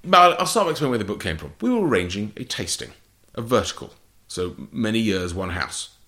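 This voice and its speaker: An English author on port wine answers interview questions in a lowish, sharp-toned voice with big pitch swings and a brisk pace. He is precise and explanatory, listing facts in short, clipped phrases.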